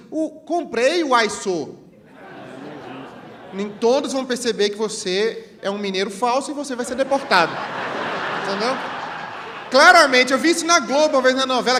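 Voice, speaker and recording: A man explaining regional slang as a comic bit, jokey and playful, acting out the quoted lines, recorded live in a hall. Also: very high voice. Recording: live hall with audience and background noise.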